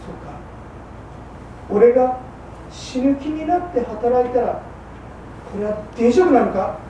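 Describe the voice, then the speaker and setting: Woman doing a rough old-Edo fishmonger, clipped and blunt; distant, echoey hall. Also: fairly high pitch, animated, unhurried, mellow, muffled recording. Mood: resolved. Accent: old Edo Tokyo working-class. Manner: gruff, clipped, rough-spoken. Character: hard-drinking male fishmonger, rough, boastful, then repentant. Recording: roomy hall from far off, faint hum.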